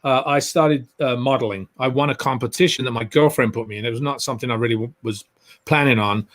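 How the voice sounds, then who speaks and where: Man, English accent, middle pitch, relaxed storytelling guest, rambling, lots of "you know". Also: quick pace. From England. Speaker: guest actor.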